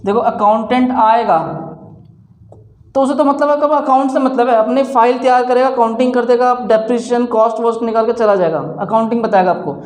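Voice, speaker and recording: A man's voice: very high-pitched, steady tone, fairly quick, darkish tone. A man teaching a class, explaining step by step and posing questions to the students that he answers himself. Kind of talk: classroom lecture. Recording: roomy echo.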